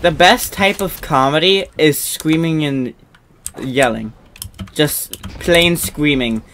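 Low-voiced girl gamer, slow and teasing, giggles a lot, faint typing behind. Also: a bit bright, slight background noise. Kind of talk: casual chat while gaming.

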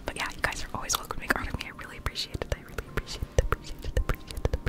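A young woman in her late teens whispering close to a studio mic in her bedroom, reading chat messages aloud and answering them in whispered live-stream chat. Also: rapid-fire. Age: young adult. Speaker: ASMR streamer. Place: bedroom with plush toys, indoors. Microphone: studio mic close in front.

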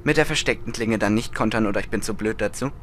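A man's voice: lowish voice, fast, slight background noise. A man giving casual gameplay commentary as a let's play host, chatty and often correcting himself. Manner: chatty, self-correcting, frustrated at times. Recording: commentary over loud game music.

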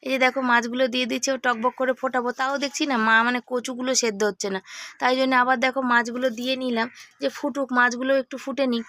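A middle-aged woman vlogger, hoarse from a cold, chatting casually to her viewers while she cooks in her home kitchen. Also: fairly high pitch, flat delivery, fast talker, pushed and bright, no echo. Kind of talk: casual cooking vlog chat.

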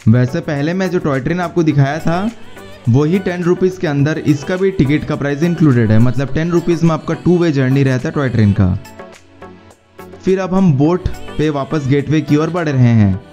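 A man narrating a travel guide in a steady, explaining way, slightly high-pitched and mellow in tone. Faint music plays under his voice-over. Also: moderate pace. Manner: steady explanatory guide tone, mixing English words into Hindi. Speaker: travel vlogger. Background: faint background music.

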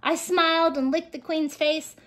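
A woman reading a children's picture book aloud, expressive and animated, with asides to her young listeners. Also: sits high, unhurried. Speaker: storybook reader. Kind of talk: children's storybook read-aloud.

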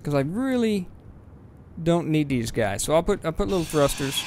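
A man giving rambling, casual let's-play commentary on his game, swearing freely and breaking into excited bursts. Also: fairly high pitch, normal speed, very noisy. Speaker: gaming video host.

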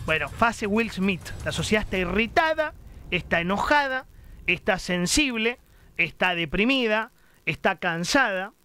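A man's voice: sits high, lively intonation, a little slow, sharp tone, smooth, soft background music. A man with a Rioplatense Argentine accent giving an emphatic, scornful political commentary monologue, piling up long lists of words. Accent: Rioplatense Argentine Spanish.

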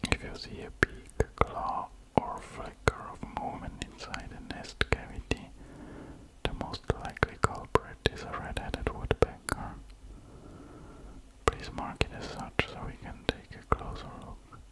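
Slow wildlife watching whisper, male ASMR. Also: poor audio. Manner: slow, hushed, unhurried. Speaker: ASMR host. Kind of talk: whispered ASMR, reading aloud and commenting on a wildlife-watching website. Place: indoors at a computer.

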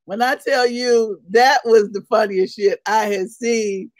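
A woman co-hosting a casual morning chat show, loud and laughing as she tells stories and gossips. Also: on the high side, fairly even intonation, unhurried, no room sound. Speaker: co-host.

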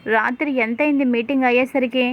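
A woman's voice: high-pitched, fairly even intonation, fairly quick. Woman reading a shocked, demanding businessman. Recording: tinny phone-like sound.

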